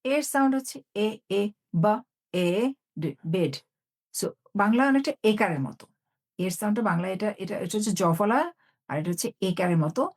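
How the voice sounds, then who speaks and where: A woman's voice: medium pitch, darkish tone. Woman teacher drilling phonics sounds. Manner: drills sounds by repeating them slowly, explaining in Bengali. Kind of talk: phonics lesson.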